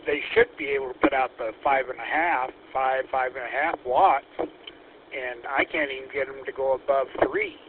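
A man chats casually over a two-way radio, easygoing and halting, with plenty of fillers. His voice sits at an ordinary middle pitch. It comes through a tinny, narrow radio channel with a faint hiss underneath. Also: steady tone. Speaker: radio operator.

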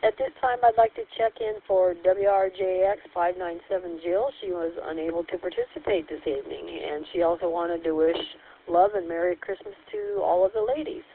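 A woman hosting a radio net check-in, heard over a two-way radio, speaking in a friendly, measured way with hesitant fillers. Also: lowish voice. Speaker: net control host. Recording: tinny two-way radio with faint static.

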